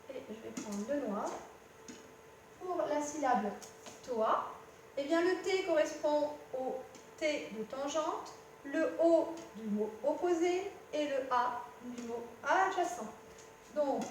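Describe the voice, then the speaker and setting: A woman's voice: high-pitched, darkish tone, distant mic. A woman math teacher patiently explaining a lesson at the board, speaking directly to the student and correcting herself as she goes. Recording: very echoey room with faint hum.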